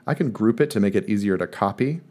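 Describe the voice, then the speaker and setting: A man calmly walking viewers step by step through a screen-recorded software tutorial, in voice-over. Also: lowish voice, quick pace. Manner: calm step-by-step explaining. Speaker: math teacher presenting a tutorial. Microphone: voice-over recorded over screen capture.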